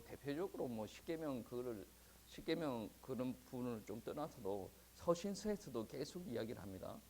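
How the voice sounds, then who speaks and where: A male pastor preaching a sermon in a conversational, animated way, often chuckling. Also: medium pitch, slight background noise. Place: church.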